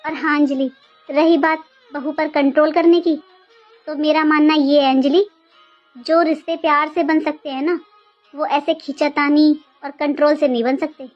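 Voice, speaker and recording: A woman playing a middle-aged mother-in-law talks a lot in a very high voice. She scolds and lectures in a home comedy skit, and faint music runs behind her. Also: little pitch movement, moderate pace, lo-fi sound, natural voice. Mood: gentle advising. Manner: scolding, talkative. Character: middle-aged mother-in-law, sharp-tongued but caring.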